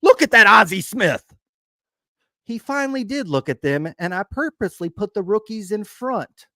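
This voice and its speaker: A man voicing a grumbling Southern customer who is complaining about a card shop, in a slow, aggrieved, put-on Southern drawl. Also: sits high, animated, bright, forceful tone, dry recording, clean studio sound, pitched above the performer's own voice, exaggerated voice.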